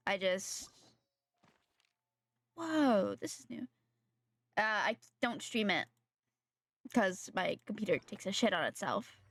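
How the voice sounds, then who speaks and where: Her throat sore enough to make her voice slightly nasal, a young adult woman rambles and corrects herself as she chats casually with viewers during a gaming live stream. The voice is medium in pitch and a bit bright, with no room sound.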